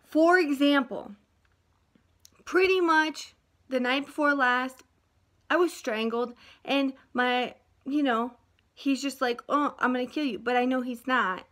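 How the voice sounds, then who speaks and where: High-voiced woman in a rambling, heartfelt monologue. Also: slow. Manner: rambling and emotional, sometimes dropping to a soft hush. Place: half-unpacked house.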